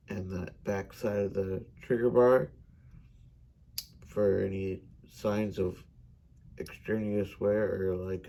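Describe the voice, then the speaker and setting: A slow-talking American man walks through a hands-on demonstration, pausing often with fillers. His voice sits low and carries a gravelly rasp. He sounds like a student presenting a practical lesson. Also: dark tone. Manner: unhurried, hesitant with fillers. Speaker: gunsmithing student. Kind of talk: instructional demonstration.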